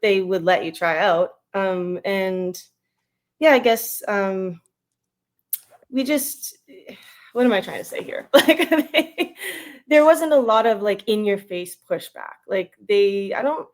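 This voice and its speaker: Speaking slowly in a medium-pitched voice, a retired national team baseball player in her thirties chats informally and rambles a bit as a casual interview guest. She's from Edmonton and has a western Canadian accent.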